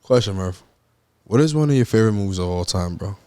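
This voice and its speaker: A young man co-hosting a podcast, teasing his friend and firing off quick slangy questions. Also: fairly low pitch, expressive, warm tone, smooth, no echo. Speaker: podcast co-host. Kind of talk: casual chat.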